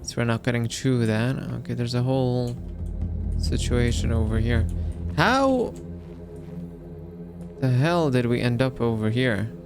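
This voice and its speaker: At normal speed and medium pitch with little pitch movement, a streamer casually talks through a horror game. He reacts aloud and reads on-screen text as game music plays, in easygoing let's-play fashion.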